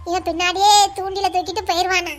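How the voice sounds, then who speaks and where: A woman voicing a nosy young village woman, passing on gossip in a hushed, confiding way. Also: very high voice, little pitch movement, quick pace, voice pushed down. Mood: gossipy. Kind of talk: amateur village drama.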